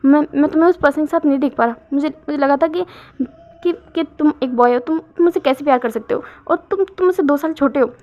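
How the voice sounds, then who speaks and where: Using a high, fast voice with a light acted quality, a woman plays a lovestruck young man pleading in tears, stammering and repeating words. The recording is dull and lo-fi.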